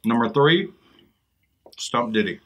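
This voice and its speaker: A man's voice: mid-range voice, lively intonation, takes it slowly, a bit bright. A middle-aged man chatting casually and teasingly as the host of a video. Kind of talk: casual chat. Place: inside a fast-food restaurant, seated at a table.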